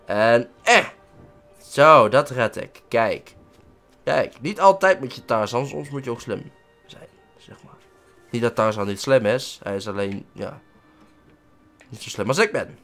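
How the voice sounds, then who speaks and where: A man with a Dutch accent doing excitable let's-play commentary, swearing and yelping at every mishap. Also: medium pitch, a little slow, long pauses, faint music behind. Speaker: gaming let's-play host.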